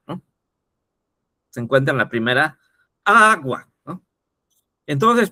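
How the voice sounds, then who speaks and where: Bright dry-voiced male teacher. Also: on the high side, no room sound. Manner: repetitive, checks in with "¿no?" often. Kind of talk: explanatory lesson. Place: teaching video.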